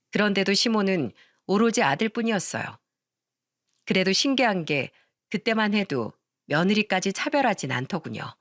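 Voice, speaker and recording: A woman narrating a scripted first-person family drama in a calm, even way. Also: medium pitch, dry recording, clean studio sound. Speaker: storyteller.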